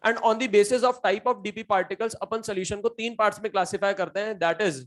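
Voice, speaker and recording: A male teacher giving a classroom lecture. He asks and answers his own questions, reads definitions out slowly, and repeats key terms. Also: high voice, fairly even intonation, a bit bright. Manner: reads English definitions slowly, then explains in Hindi.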